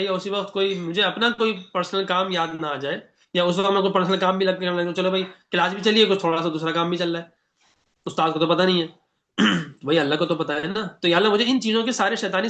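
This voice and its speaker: A man with a Pakistani Urdu accent teaching an online Quran class in a conversational way, often checking with students and reciting prayers slowly. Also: high-pitched, a bit bright. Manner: conversational, asks the class questions. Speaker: religious teacher.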